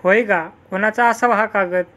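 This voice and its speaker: A reader puts on a patient, humble village farmer from a storybook tale. He speaks in a plain rustic way at a middling pitch. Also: fairly even intonation, moderate pace, sharp tone, lightly acted. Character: poor farmer father Rama, humble and patient.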